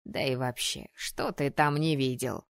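A woman's voice: rumbling low, unhurried, creaky, no room sound, studio quality, voice pushed down, exaggerated voice. A woman voicing a scratchy old ghost man. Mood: mocking. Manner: stern, scolding. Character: grumpy old male ghost, stooped and gray-haired. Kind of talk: audiobook narration.

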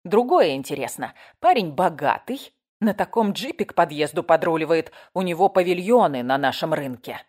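A nosy older woman neighbor, voiced by a woman narrator, all exclamations and scolding in a shrill, animated voice. She talks over everyone, with a lively melody. Pure storybook gossip. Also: normal speed, few pauses.

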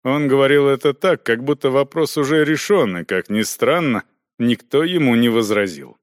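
A man narrates an audiobook from a script, telling the story in a measured, expressive way. His voice is mid-range, and the studio-quality recording has no echo.

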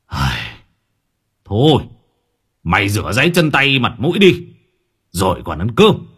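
A man voicing a gruff older village father who sighs heavily and grumbles through his grief. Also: low-pitched, sing-song, measured pace, exaggerated voice. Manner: sighing, gruff, scolding.

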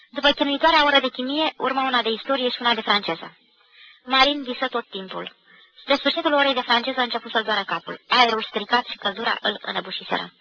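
Bright-voiced woman reading a novel. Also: fairly high pitch, gravelly, dry recording. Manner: measured, expressive storytelling. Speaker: reader of a novel. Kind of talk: literary radio reading. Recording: dull lo-fi 1990 radio recording.

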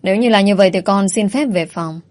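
A woman's voice: mid-range voice, darkish tone, no echo, natural voice. Woman voicing an impatient hot-headed young master. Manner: impatient, quick.

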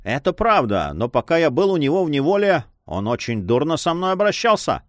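A man's voice: on the high side, very animated, brisk, dry recording, clean studio sound, voice pushed up. A man voicing a stern, contemptuous Spanish landowner in an audiobook.

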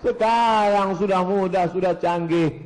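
A male preacher giving a sermon in an animated, joking way, full of rhetorical questions. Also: high-pitched, measured pace, slight background noise, rough recording.

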